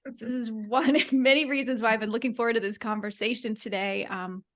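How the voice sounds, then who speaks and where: A woman hosting a podcast in a casual, gushing way, her voice sitting a little high for a woman. She talks eagerly, with plenty of fillers and quick asides. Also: fairly even intonation, fairly bright tone. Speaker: podcast host. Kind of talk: enthusiastic interview chat.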